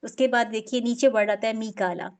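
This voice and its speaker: A woman's voice: on the high side, a little fast, darkish tone. Patient woman teaching Quran recitation. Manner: patient, explains step by step, stretches out example words. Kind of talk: online class teaching.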